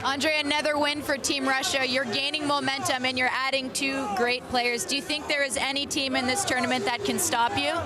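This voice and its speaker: High, even-toned female sports interviewer. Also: normal speed, few pauses. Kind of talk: post-game interview questions. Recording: loud crowd behind interview. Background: arena crowd.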